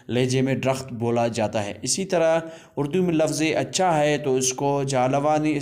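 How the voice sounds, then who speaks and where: A man from Balochistan, Pakistan, giving a language lesson, talking slowly and deliberately, repeating words for learners and pausing with hesitation sounds. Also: mid-range voice, darkish tone. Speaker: language teacher.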